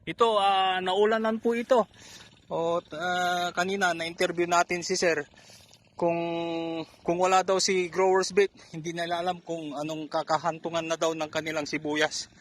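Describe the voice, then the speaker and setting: A man promoting a fertilizer while walking through an onion field, excited and out of breath, talking to farmers watching. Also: high-pitched, moderate pace. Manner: excited, keeps pointing out crop size.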